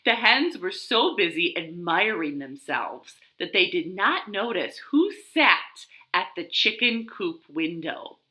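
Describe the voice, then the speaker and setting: Her voice is fairly low and sing-song, bright and forceful, and though she takes her time she barely pauses. This woman, a library storytime host, reads aloud to young children from her living room, speaking simply and expressively, with a roomy home echo around her.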